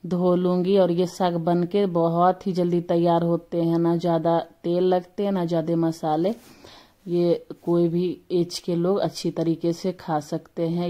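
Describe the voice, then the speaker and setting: A woman's voice: fairly low pitch, dark tone. A woman with a slightly sore throat hosting a casual home cooking tutorial in her kitchen, chatting homely and correcting herself as she goes. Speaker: cooking channel host.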